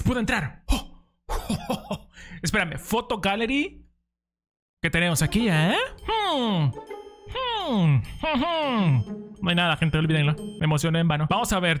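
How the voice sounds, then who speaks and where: A Mexican man commentating a horror game in his parents' house, joking, swearing and breaking into high yelps. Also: fairly bright tone. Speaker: gaming youtuber. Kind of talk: let's-play commentary.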